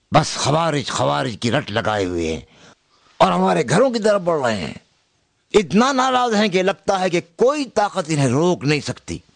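A man's voice: mid-range voice, gravelly, dry recording, exaggerated voice. An actor playing an anxious middle-aged father in a dubbed historical drama, worried and pleading.

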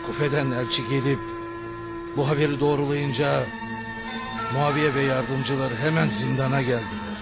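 An actor playing a grave eyewitness in a historical drama, bringing bad news to his companions in a measured, solemn way. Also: mid-range voice, steady tone, over loud music, natural voice. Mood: somber, insistent. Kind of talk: dubbed historical drama dialogue.

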